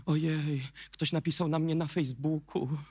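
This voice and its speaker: A male pastor giving an emphatic sermon, dropping to quiet asides and rising to loud, repeated questions. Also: on the high side, steady tone, moderate pace, slightly rough, no room sound. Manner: mocking put-on voices of churchgoers.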